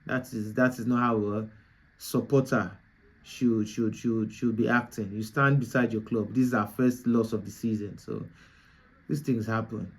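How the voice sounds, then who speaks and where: A man's voice: on the low side, fairly even intonation, normal speed. A young man hosting a football reaction video, talking casually and repeating his points for emphasis. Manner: repetitive, emphatic, restarts phrases. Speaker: football channel host.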